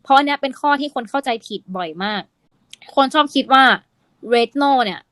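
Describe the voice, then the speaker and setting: A fairly high-voiced woman co-hosting a casual podcast, explaining things in an animated way with bits of teasing. Her voice sits close and dry on the mic, with no room sound. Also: moderate pace, no room sound. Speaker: podcast co-host explaining skincare. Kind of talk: casual chat.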